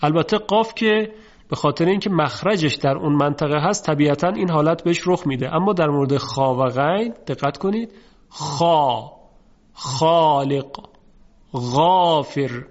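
A man teaching Quran recitation with a slightly high voice. He explains each letter plainly, then stretches the example words out slowly. The recording sounds dull and lo-fi. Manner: slow, drawn-out demonstration of heavy letter sounds. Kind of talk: tajweed lesson.

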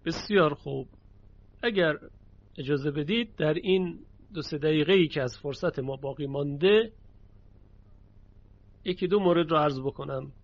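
A man teaching a lesson on Quranic readings, explaining the rules and chanting short verse examples slowly. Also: on the high side, highs cut off.

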